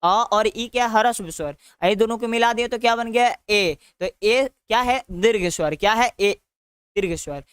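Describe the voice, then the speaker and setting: A man's voice: high voice, moderate pace, a bit bright, clean tone, no room sound, studio quality. A male teacher with a Bihari Hindi accent, giving an online grammar lesson by asking questions and answering them himself, often adding a tag question. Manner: drills students with repeated questions and answers.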